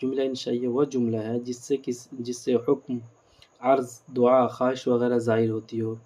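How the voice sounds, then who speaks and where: Man teaching grammar, dark and flat. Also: mid-range voice. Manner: explains slowly with repeated rhetorical questions; mixes in English words. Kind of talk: grammar lecture.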